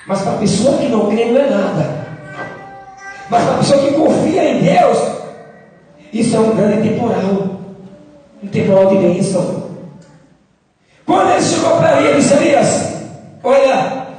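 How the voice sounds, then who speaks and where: High-voiced preaching pastor in an echoey hall. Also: male voice. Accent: Brazilian Portuguese. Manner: impassioned preaching, shouting at peaks. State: sore throat. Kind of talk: sermon. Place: church hall. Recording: echoey church hall from far off.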